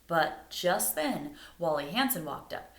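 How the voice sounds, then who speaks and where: A woman reads a storybook aloud to children, pausing to ask them questions to keep them engaged. Her voice is on the low side, very animated and fairly bright, and she takes it slowly. The room is echoey.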